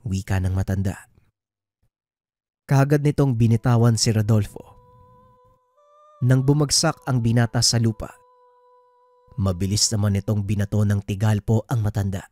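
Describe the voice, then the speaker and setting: Low-voiced male horror storyteller. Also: normal speed, long pauses, dark tone. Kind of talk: scripted horror story narration.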